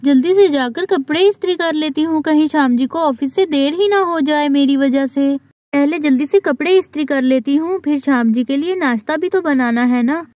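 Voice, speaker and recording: A woman's voice: high-pitched, moderate pace, a little mellow, natural voice. A woman voicing a young village wife in a doll story, fussing and reassuring her sick husband. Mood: hurried. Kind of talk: doll story role-play.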